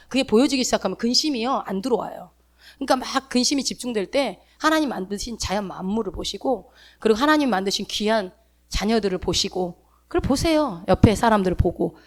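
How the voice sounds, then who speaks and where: A woman pastor preaching in a church with a fairly high voice. She talks in a chatty, animated way, full of homely asides. It sounds like a relaxed congregation sermon.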